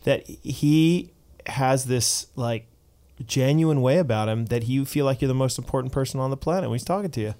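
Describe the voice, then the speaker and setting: Male pastor, casual chat, lively, often restarts mid-thought. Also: mid-range voice, normal speed, few pauses.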